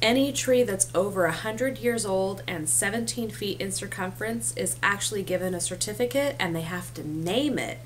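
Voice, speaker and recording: A woman hosting a vlog, speaking to camera in a small indoor room with a measured, explanatory delivery. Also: medium pitch, slight background noise, rough recording. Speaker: vlog host. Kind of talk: presenting to camera.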